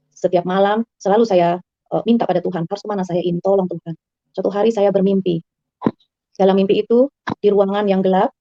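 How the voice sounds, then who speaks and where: A woman giving an earnest personal testimony, telling her story quickly and rising high and excited at times. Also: dry recording. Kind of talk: emotional spoken testimony. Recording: slightly dull, dry recording.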